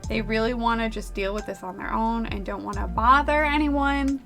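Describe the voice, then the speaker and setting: A woman with a voice pitched a little high talks through tarot readings in a loose, chatty way, swearing casually as she goes. It's a relaxed live-stream style. Soft music plays faintly in the background. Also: normal speed. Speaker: tarot reader.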